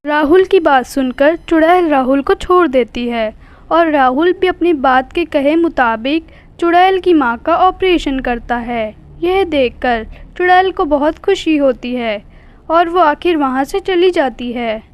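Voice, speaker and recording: A woman's voice: high-pitched, unhurried. A woman narrating a cartoon story in a plain, scripted manner.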